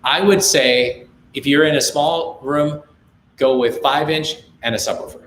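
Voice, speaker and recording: A young man from India with an American accent hosts a casual live chat from his home music studio, reading viewer comments aloud before offering friendly gear advice. He's a music producer with a somewhat high voice, a relaxed manner, and a slightly slow pace. The low-quality recording has an echoey room and a little hiss or hum.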